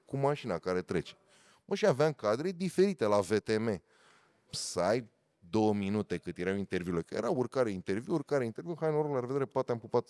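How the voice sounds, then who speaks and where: Man, low voice, animated storyteller, dry close mic. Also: smooth, no room sound. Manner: animated storyteller, swings loud and high for emphasis. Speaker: podcast guest, motorsport commentator. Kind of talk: casual podcast chat.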